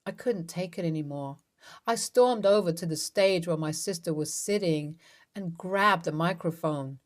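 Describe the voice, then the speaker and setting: A woman's voice: lowish voice, normal speed. A woman reading a first-person story aloud with a dramatic, emotional delivery. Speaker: narrator.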